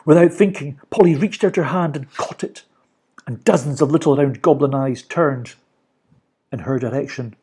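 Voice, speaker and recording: A man reading a children's storybook aloud for a library, animated and expressive. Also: on the high side, moderate pace, slightly rough. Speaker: library reader.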